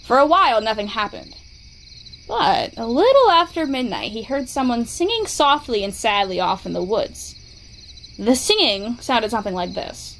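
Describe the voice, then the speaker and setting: A woman narrating a scary story in steady, measured storytelling. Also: on the high side, slight background noise, low-quality recording.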